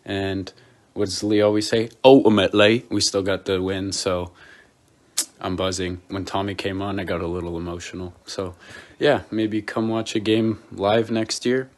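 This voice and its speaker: A man with a low voice and very little melody. He chats casually as a football fan recording his reaction. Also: little pitch movement, normal speed.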